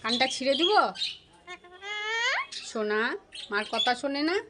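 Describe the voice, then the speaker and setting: A woman's voice: fairly high pitch, animated. A woman talking baby talk to her pet parrots, coaxing them and scolding them playfully. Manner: closes with a quick word to viewers. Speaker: pet bird vlogger. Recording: loud background noise with bird squawks.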